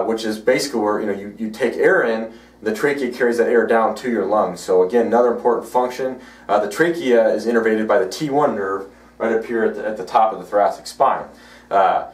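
A man who works as a chiropractor, giving an educational video blog talk, halting with many fillers. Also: fairly low pitch, roomy sound, far from the mic. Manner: halting, frequent "uh" and "you know" fillers.

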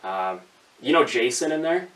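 A young adult male vlogger and prank caller chats casually about a prank call, rambling in a deadpan way at normal speed with a mid-range voice. He's in a small room at home, and because the camera sits a few feet away, the audio is distant with a roomy echo.

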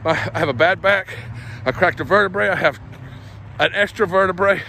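A man's voice: high voice, brisk, vocal fry, pushed and bright, a little hiss or hum. A middle-aged man, chatting casually into his phone while walking a trail, a bit out of breath. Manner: chatty, rambling, self-deprecating. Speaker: vlogger. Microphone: phone held while walking.

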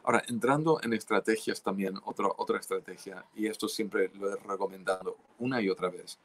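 A man teaching in a sermon, his voice low and grounded. He urges the listeners with steady earnestness. He often repeats a word before finding the rest of the thought. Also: a little fast. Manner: earnest, exhorting, frequent restarts. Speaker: pastor.

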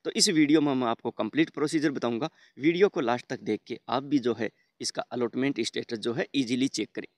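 Speaking fairly quickly in a mid-range voice and barely pausing, a man explains a screen-recorded tutorial one step at a time. He treats viewers like friends and keeps repeating fillers. The audio is studio quality with no room sound.

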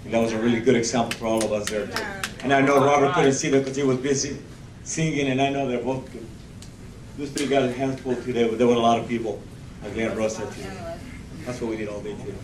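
Man, mid voice, halting testimony, echoey room far from the mic. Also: medium pitch, flat delivery, a crowd in the background. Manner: halting, many restarts. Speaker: outreach volunteer reporting. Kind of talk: church testimony. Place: church meeting room.

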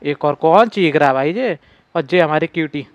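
Gaming streamer, young man, slightly high voice, jumpy and scared commentary, dry dull mic. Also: normal speed, dry recording. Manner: jumpy, scared exclamations, talks to viewers as brothers. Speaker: gaming YouTuber. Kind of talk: horror game let's play commentary.

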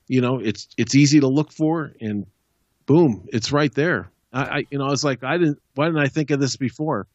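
A man's voice: medium pitch, no room sound, muffled recording. A man co-hosting a home improvement talk show, chatting casually in an easygoing, rambling way. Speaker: co-host. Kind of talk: casual chat.

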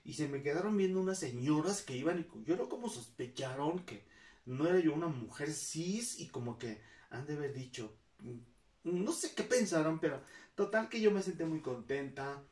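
A woman's voice: deep voice, expressive, moderate pace, dark tone, distant mic. A woman with a Mexican accent telling personal stories to her viewers in a chatty way, acting out the people she quotes. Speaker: vlogger. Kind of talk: casual storytelling to viewers. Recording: roomy, mic set back.

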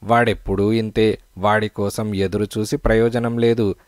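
A man's voice: fairly low pitch, level tone, normal speed, dry recording, studio quality, close to an everyday voice. A man voicing a blind, kindly old father in a storybook, speaking in a sad, resigned way. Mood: weary, gentle. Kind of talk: storybook narration.

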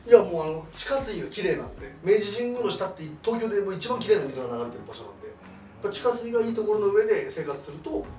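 A psychic comedian talks politely in a meeting, apologizing and explaining at length. His voice is high and very lively. The sound is distant and echoey, with music clearly running behind. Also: quick pace. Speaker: psychic comedian doing tarot. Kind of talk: casual meeting chat. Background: background music.

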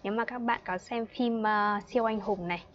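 A woman in her twenties with a Northern Vietnamese accent, teaching an online English class for young children, patient and playful, repeating words slowly. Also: medium pitch, fairly even intonation, lo-fi sound. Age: 20s. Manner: chatty and playful, laughs often.

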